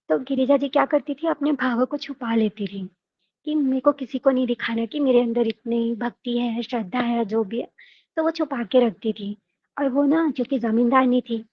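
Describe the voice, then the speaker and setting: A woman's voice: high-pitched, dull audio. Woman telling a devotional story, emotive. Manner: emotive, repeats phrases for effect.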